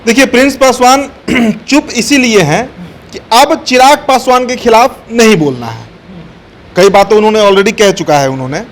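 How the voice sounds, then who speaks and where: A man's voice: high-pitched, normal speed. A man giving political commentary, assertive and explaining step by step with frequent fillers. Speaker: political analyst.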